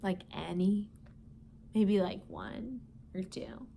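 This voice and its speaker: A woman teacher with a warm, gravelly, mid-range voice speaks slowly over slight background noise. She playfully leads schoolchildren through a vocabulary lesson and a storybook read-aloud, asking them questions directly and chuckling often.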